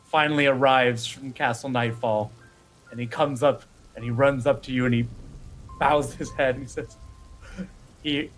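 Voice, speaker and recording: A man narrating a tabletop game as game master, slow and dramatic, easily moved to emotion. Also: mid-range voice, fairly bright tone, rough recording.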